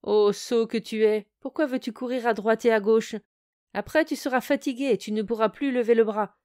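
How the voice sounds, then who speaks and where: A woman voicing a stern old woodcutter father in an audio fairy tale, gruff and scolding. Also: on the high side, fairly even intonation, moderate pace, darkish tone, lightly acted.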